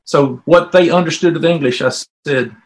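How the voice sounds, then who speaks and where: At a moderate pace and with a somewhat high voice, a middle-aged Southern US man talks as a volunteer interview guest. His personal stories come out folksy and conversational.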